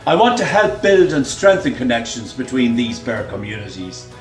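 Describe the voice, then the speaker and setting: A man in his sixties giving a formal, measured self-introduction as a contest candidate. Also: medium pitch, soft background music. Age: 60s. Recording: echoey room.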